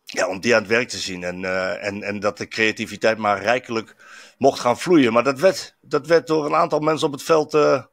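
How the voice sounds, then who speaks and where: A man's voice: medium pitch, fairly even intonation, normal speed, gravelly, dry recording. A man, a football journalist reporting from abroad, chatting reflectively with many fillers and restarts. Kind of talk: casual chat. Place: in Stuttgart, on location.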